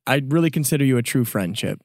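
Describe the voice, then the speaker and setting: A man's voice: medium pitch, lively intonation, quick pace, no room sound, clean studio sound. A man voicing an emotional, clingy young man in a tabletop game, stammering and overwhelmed. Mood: tearful.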